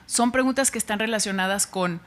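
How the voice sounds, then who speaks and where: A Mexican woman with a Mexican Spanish accent, giving an informal public science talk in a chatty way, often pausing and restarting. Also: mid-range voice, a bit bright. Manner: chatty, with frequent fillers and restarts.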